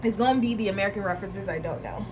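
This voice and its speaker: A woman's voice: medium pitch, very fast. Chatty young woman, noisy home recording. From Nigeria. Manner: rambling, slangy, laughs often. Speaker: vlogger. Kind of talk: casual chat.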